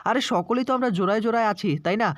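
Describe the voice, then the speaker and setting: A man's voice: sits high, racing, no room sound, studio quality, natural voice. A man voicing a jovial, teasing young husband who coaxes everyone along. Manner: cheerful, coaxing, teasing.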